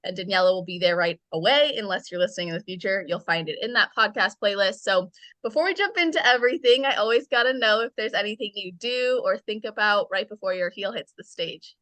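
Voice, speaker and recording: A woman's voice: mid-range voice, a little fast, a bit bright, no room sound. A woman hosting a podcast, reading an upbeat intro and then chatting with her guest. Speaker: podcast host. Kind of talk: podcast interview.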